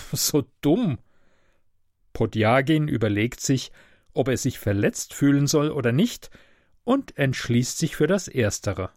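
A man reading a story aloud as narrator in a measured, expressive way. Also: mid-range voice, no room sound, studio quality.

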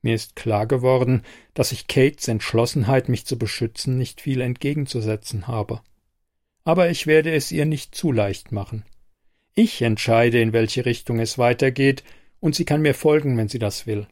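A man narrating an audiobook in a steady, even reading voice. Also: mid-range voice, moderate pace, no room sound, clean studio sound. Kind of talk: scripted narration.

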